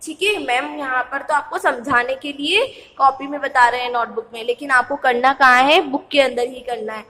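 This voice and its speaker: A high-pitched woman teacher leads young pupils through letter sounds, repeating each one slowly in a patient, sing-song drill and referring to herself as ma'am. Her voice carries a noticeable reverb from the room. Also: sharp tone. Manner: speaks of herself as ma'am in third person. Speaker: primary school teacher. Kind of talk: Hindi phonics lesson for young children.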